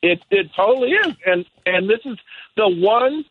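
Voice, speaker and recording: A man calling in to a radio talk show over the phone, talking in a wry, animated, casual way. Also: sits high, moderate pace, husky. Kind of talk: casual political call-in chat. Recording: tinny phone line.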